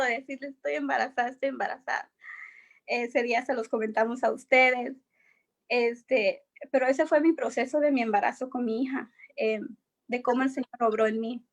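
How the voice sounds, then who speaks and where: High-voiced woman telling a faith testimony. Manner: earnest storytelling, acts out dialogue. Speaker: guest sharing testimony.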